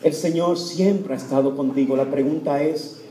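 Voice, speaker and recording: A man with a notably high voice delivers a heartfelt sermon in a church. His preaching swings between loud, fervent cries and hushed, tender tones, and he repeats words for emphasis. The sound rings around a reverberant hall. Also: fairly even intonation, moderate pace. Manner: repetitive, with many fillers. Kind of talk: emotional sermon. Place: church before Mass. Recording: echoey church room.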